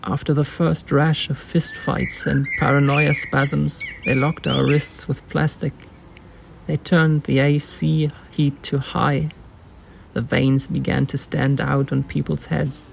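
Male reader, deadpan literary fiction, flat delivery, gravelly; noisy take with birdsong. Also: on the high side. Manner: deadpan, even reading. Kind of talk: reading literary fiction aloud. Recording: noisy recording with birdsong behind. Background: birds chirping.

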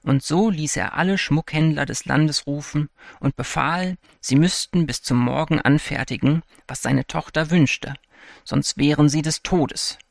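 Man, fairy-tale narration, calm and even, gravelly voice, dry close sound. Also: fairly high pitch, measured pace, no room sound.

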